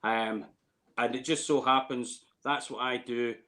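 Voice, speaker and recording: A man's voice: mid-range voice, fairly even intonation, a little slow, sharp tone. Scottish man in his late fifties, rambling storyteller. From Scotland, near Glasgow. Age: late 50s. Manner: hesitant, rambling storyteller, repeats words. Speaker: distillery warehouse tour guide. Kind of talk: casual interview chat.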